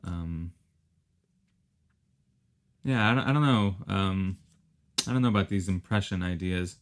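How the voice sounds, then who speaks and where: A man with a lowish voice co-hosts a casual film podcast. He weighs his words and often pauses on "um" and "uh" before making his point. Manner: measured, hesitant, with ums and restarts. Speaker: podcast co-host.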